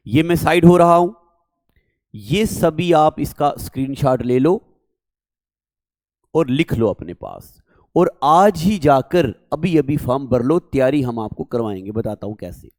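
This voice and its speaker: A male coaching teacher with a sore throat explains exam information to students in Hindi, with a North Indian Hindi accent. His voice is a little high and darkish with no echo, and he speaks slowly and deliberately, calling his listeners dear children.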